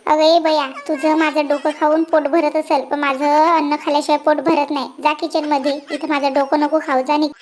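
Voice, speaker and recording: A performer voicing an angry cartoon cat husband who scolds fast, through a high pitch-shifted effect. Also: level tone. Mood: scolding. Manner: shouting, rapid scolding. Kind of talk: comic cartoon dialogue.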